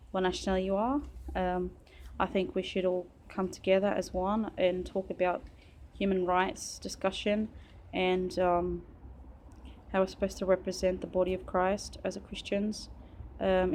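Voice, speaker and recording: A woman, originally from Romania, speaking to camera in a halting, earnest monologue full of fillers. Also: mid-range voice, a little mellow, slight background noise. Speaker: vlogger. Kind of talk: rambling personal monologue.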